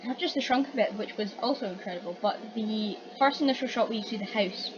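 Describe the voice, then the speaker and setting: A woman co-hosting a casual film review chat, quick to jump in, her throat rough from hay fever. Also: mid-range voice. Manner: chatty, quick to interject, swears casually. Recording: dull lo-fi audio with noisy background.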